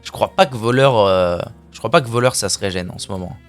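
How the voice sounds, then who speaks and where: A man's voice: lowish voice, a little fast, soft background music. A man streaming a card game live, narrating his plays with playful, crude trash talk and silly mouth sound effects. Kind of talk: live gameplay commentary.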